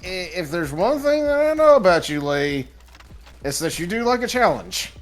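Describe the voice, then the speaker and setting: A man's voice: high-pitched, big pitch swings, normal speed, soft background music. A man co-hosting a game stream, playful and teasing, jumping into silly voices. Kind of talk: casual gameplay chat.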